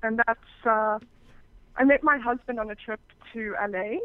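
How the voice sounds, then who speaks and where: Speaking a little high at normal speed, in a clear, resonant tone, a woman from South Africa chats casually and frankly as an interview guest about her job as a phone sex operator, restarting often. The recording is dry yet dull and muffled, like a phone line.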